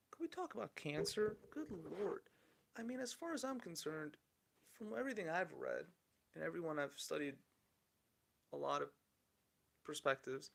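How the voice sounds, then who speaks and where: A man's voice: fairly high pitch, vocal fry, a bit bright. A man in his thirties hosting a solo podcast, rambling candidly through the news and swearing casually. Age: 30s. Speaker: podcast host.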